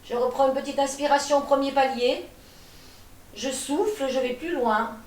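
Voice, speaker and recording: A high-voiced woman leads a gentle gym class. She calmly cues each inhale and exhale while demonstrating the moves. Her voice sounds echoey and a bit distant from the mic. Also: moderate pace. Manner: calm, cueing breaths, demonstrating as she talks. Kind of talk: guided exercise class.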